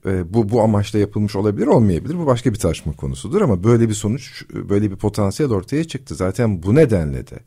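A man with a very low, husky voice and a dark, mellow tone talks through his points in a measured, explanatory way. He pauses often with fillers as he explains. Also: very animated. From Turkey. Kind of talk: casual discussion.

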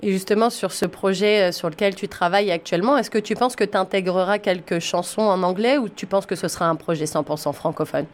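A woman hosting a radio interview, asking measured questions with occasional stumbles. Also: medium pitch. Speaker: radio host.

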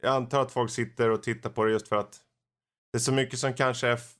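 A man's voice: medium pitch, level tone, fairly bright tone. A man co-hosting a podcast in casual chat, hesitant and full of fillers. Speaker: podcast co-host.

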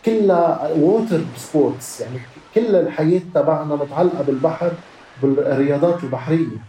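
Lebanese man, slightly high mellow voice, interview storytelling, English words mixed in, echoey room. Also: a little fast, a little hiss or hum. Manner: mixes English words into his speech. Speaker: interview guest, activist. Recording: roomy echo.

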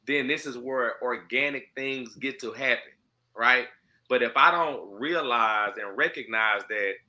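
A man's voice: mid-range voice, bright, forceful tone, poor audio. A man co-hosting a podcast, talking earnestly and reflectively about his own week in a casual conversation. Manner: earnest, self-reflective, frequent fillers and restarts. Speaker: podcast co-host.

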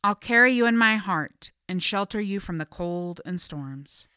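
A woman voicing a weary, broken old male robot who speaks softly and gently. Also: animated, measured pace, smooth, no room sound, clean studio sound. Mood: gentle. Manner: soft, gentle and low.

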